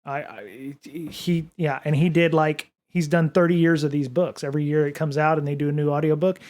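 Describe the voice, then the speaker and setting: A man with a somewhat high, darkish voice talks at a normal speed in a steady tone. He hosts a casual livestream from his home studio, answering viewer comments with lots of fillers, restarts and rambling. He's a podcast and livestream host speaking into a studio microphone at his desk.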